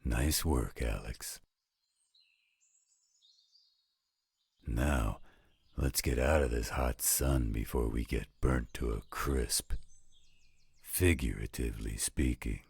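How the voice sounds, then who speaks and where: In a scripted roleplay audio drama, a man voices a gruff, patient older werewolf stepfather, fatherly and approving. His full character voice is extremely low, raspy and darkish, heavy with gravelly fry, delivered slowly, dryly and unhurriedly, recorded close with no echo.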